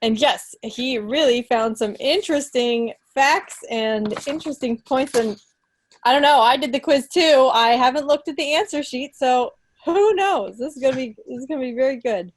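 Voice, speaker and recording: Acting as quizmaster on a home video call, a thirtyish American woman teases like a mock schoolteacher in a casual, playful way, heard through a computer mic. She has a high voice at normal speed, with slight background noise.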